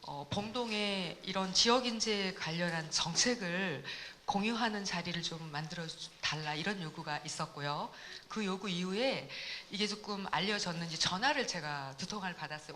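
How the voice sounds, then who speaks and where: Bright-voiced woman giving an opening address. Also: lowish voice, a little hiss or hum. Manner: rambling with fillers and restarts. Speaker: education support center director. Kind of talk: opening address at a community forum.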